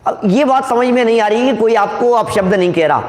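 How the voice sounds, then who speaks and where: A man with a fairly high voice gives a scripture discourse to a gathered audience. He explains each point patiently and keeps turning questions back to his listeners, his words trailing into a long hall reverb. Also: brisk, crowd noise. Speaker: scripture teacher.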